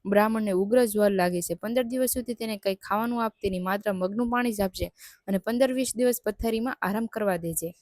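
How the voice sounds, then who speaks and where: A woman reading the calm advice of an elderly village barber who knows folk remedies, in a storybook tale. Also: mid-range voice, fast, dry recording, studio quality, lightly acted. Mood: advising.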